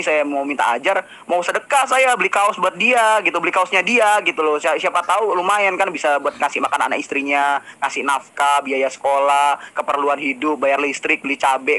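A man with a high, sharp-edged voice records a debate voice note. He talks in a mocking, sarcastic way and jabs at his opponent. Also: poor audio. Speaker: religious debater.

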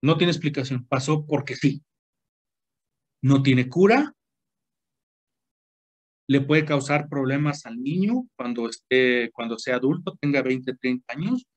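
A man's voice: medium pitch, animated, measured pace, long pauses. A man with a Mexican Spanish accent, a doctor teaching a class in a colloquial lecture and often checking that students follow. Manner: colloquial, asks the class frequent check questions. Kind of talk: informal medical lecture.

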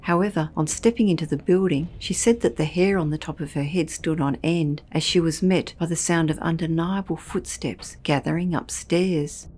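A woman reading a scripted documentary narration in a measured, ominous storytelling manner. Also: low voice, a little mellow.

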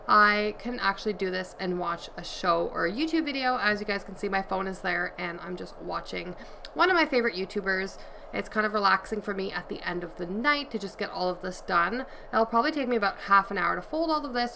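A woman in her thirties talks through her chores in a relaxed, chatty way, her middle-pitched voice carrying a gravelly edge. She is recorded in a home bedroom by a camera set up across the room, with a faint hiss underneath. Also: low-quality recording. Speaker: vlogger and mother. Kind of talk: casual chat while cleaning. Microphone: camera on a tripod across the room.

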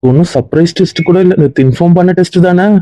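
A man's voice: high voice, fast, mellow, no echo, natural voice, poor audio. A man playing a stern male college dean who lectures and reproaches a student, in a web series drama. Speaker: actor.

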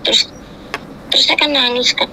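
A woman from Indonesia recounts her experience in a loose, rambling way, tagging her sentences as she goes. Her voice sits a bit high and sounds bright, with a faint noise floor under the recording. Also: fairly even intonation, normal speed, rough recording. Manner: rambling, many fillers and tag questions. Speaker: domestic worker telling her story. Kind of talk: casual recounting of personal experience.

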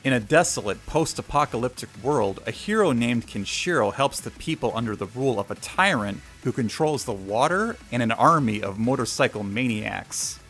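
A man's voice: medium pitch, lively intonation, moderate pace, few pauses, fairly bright tone. A man reading a scripted anime review as narration. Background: faint music.

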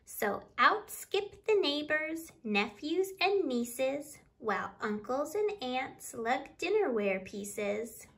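A woman in her thirties reads a picture book aloud for a children's library storytime, speaking expressively from a small living room by a window, a few feet from the camera. Her voice sits high and a bit bright, swinging widely in pitch; she goes slowly but with few pauses.

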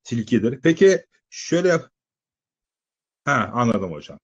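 A male teacher giving a live exam-prep lecture, constantly asking his students questions and filling pauses with drawn-out "e" sounds. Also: mid-range voice, very animated, husky, highs cut off. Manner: asks students rhetorical questions, many "e" fillers.

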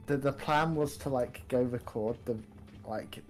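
A woman co-streaming a video game, her voice tired, talking in halting bits and trailing off. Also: extremely low pitch, soft background music. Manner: halting, trailing off, laughs softly. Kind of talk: casual gaming stream chat.

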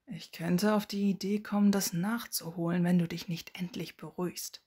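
A cool, sardonic middle-aged wizard, as a woman reads him in an audiobook. He speaks calmly and drily in a low, husky voice, mocking without raising it. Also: moderate pace. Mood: calm, dry. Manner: calm, dry, mocking.

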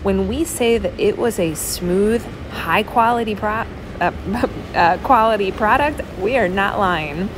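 A woman narrating a vlog voice-over, describing a tour in a friendly way. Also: fairly low pitch. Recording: voice-over with music behind.

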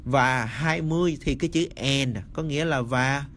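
A man teaching English number words in a casual spoken lesson, slowly repeating each word and checking that the viewers follow. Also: mid-range voice, a bit bright, slight background noise. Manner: slow, repeats words, addresses viewers as friends.

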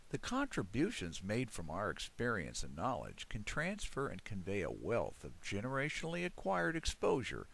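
A middle-aged man reading a scripted promotional voice-over for his pool building firm in a measured, persuasive way. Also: lowish voice, gravelly. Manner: measured, persuasive salesman delivery.

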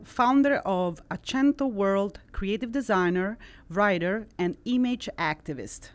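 A middle-aged woman from central Italy with an Italian accent, hosting a studio podcast and reading a measured, scripted introduction into a boom mic. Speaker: host. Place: studio with wood-slat wall. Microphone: boom-arm studio mic.

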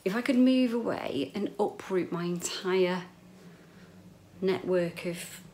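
A woman's voice: mid-range voice, takes it slowly, warm tone, slight background noise. A middle-aged British woman vlogging casually from an echoey room, rambling and playful. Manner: rambling, playful, mildly sweary. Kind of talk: casual chatty vlog to camera. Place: small echoey bedroom at home, indoors. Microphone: handheld camera at arm's length.

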